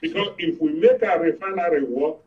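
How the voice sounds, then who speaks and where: A man with a Nigerian accent and a fairly high voice talks fairly quickly over phone-quality audio. He's an expert commentator guesting on a live panel, explaining emphatically, stacking his points one by one, asking check questions, and drawing everyday analogies. The mic is distant, the space roomy, and noise and clicks are clearly audible.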